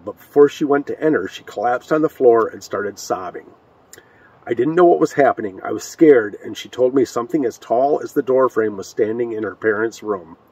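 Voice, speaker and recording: A man's voice: mid-range voice, darkish tone, breathy edge, no room sound. Talk loosely, a man joking outdoors at night. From Michigan. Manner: chatty and jokey, with many fillers. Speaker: co-host of a ghost story show. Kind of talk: casual chat and reading ghost stories aloud. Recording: distant mic outdoors.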